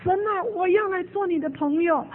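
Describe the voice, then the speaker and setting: A woman's voice: very high voice, moderate pace, pitched above the performer's own voice. A woman acting a young male preacher who cries out to God in tears, over a tinny phone-like recording. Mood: anguished crying. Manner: sobbing, pleading cries.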